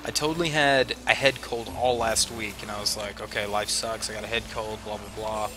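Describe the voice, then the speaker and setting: Game music plays as a man streams gameplay and chats to viewers in a rambling, self-deprecating way. He has a head cold and a chesty cough, and his on-the-low-side voice holds a steady tone at a slightly fast pace.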